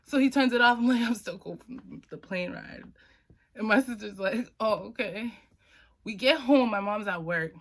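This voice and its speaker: Animated young woman telling a story. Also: moderate pace. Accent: Boston area. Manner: animated, jumps high when acting out her own quotes. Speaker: vlogger. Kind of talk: casual storytelling.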